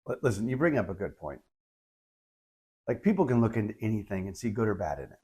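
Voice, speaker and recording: A man co-hosting a casual podcast, telling stories in an animated way and acting out quoted lines. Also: lowish voice, fast, slightly rough. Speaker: podcast co-host.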